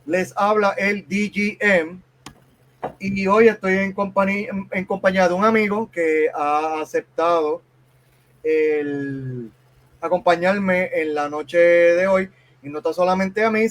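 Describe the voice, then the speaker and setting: Guy hosting a podcast, kinda high voice, formal and a bit hesitant. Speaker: podcast host. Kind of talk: podcast interview.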